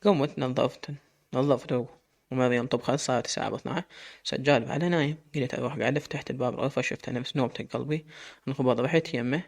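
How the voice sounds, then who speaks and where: A man's voice: medium pitch, very fast, creaky. A man with an Iraqi Arabic accent telling a dramatic story in first person, emotional and full of quoted dialogue.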